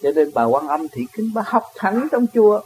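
A man with a Southern Vietnamese accent gives a dharma talk, his high, husky voice swooping up and down with animated intonation. He speaks as a spiritual teacher, often chuckling and throwing rhetorical questions to his listeners. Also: moderate pace, rough recording.

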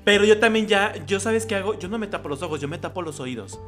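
Bright, high-voiced Mexican man bantering. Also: expressive, quick pace, faint music behind. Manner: playful, bursts into shouts and sung snippets. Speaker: podcast co-host. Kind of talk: casual podcast chat.

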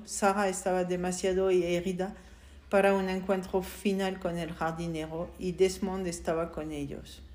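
A woman reading a novel aloud in first person, in a soft and subdued voice. Her pitch sits in the middle of the range, and she reads steadily, without theatrics. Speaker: audiobook narrator. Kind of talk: first-person audiobook narration.

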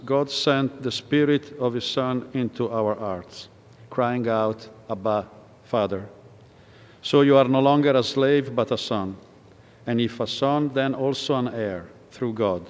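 Man, lector, solemn measured reading, middle pitch, cathedral echo. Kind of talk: liturgical scripture reading. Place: large church. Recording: long cathedral reverb.

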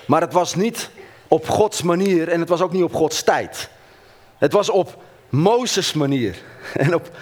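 A preacher with a somewhat high voice retells a Bible story. His storytelling is animated, and he slows down with dramatic pauses. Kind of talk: sermon.

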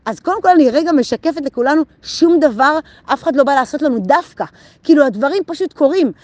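A woman giving a casual motivational talk, telling a personal story with animated delivery and acting out her own thoughts. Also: sits high, no room sound. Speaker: vlogger sharing a daily insight.

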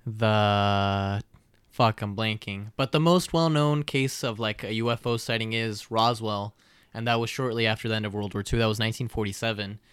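A man's voice: fairly low pitch, normal speed, fairly bright tone, smooth, no echo. A man with an American accent hosting a podcast, telling stories in wordy language with casual asides. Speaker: podcast host.

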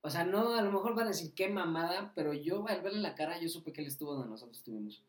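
A man's voice: on the high side, fast. Slangy Mexican man telling a story, roomy sound. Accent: Mexican Spanish. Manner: slangy, swearing, animated anecdote with acted quotes. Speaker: podcast guest. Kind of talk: casual storytelling. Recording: roomy echo.

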